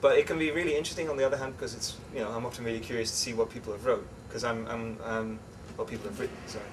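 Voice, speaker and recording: A young English-born man raised in the Netherlands, talking as an interview guest in a relaxed, chatty way with many fillers and restarts. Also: mid-range voice, racing. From England, raised in the Netherlands. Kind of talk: casual interview chat. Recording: distant mic with clear background noise.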